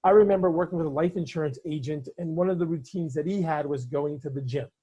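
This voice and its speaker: A man's voice: fairly high pitch, fast, warm tone, slightly rough, muffled recording. A man, a business coach, talking earnestly to camera and telling client stories. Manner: earnest storytelling. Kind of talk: motivational talk to camera.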